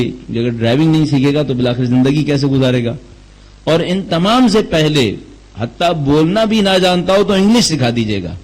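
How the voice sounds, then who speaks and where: Man, religious lecturer, scripture commentary, rhetorical questions, slightly high voice. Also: a little mellow, poor audio. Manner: rhetorical questions, tells jokes as examples.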